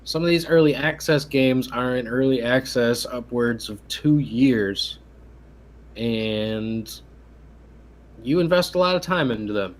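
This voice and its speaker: Animated man ranting about a game. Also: medium pitch, a little slow. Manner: animated, swears casually, tells stories with excitement. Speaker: podcast co-host. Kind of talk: casual gaming podcast chat.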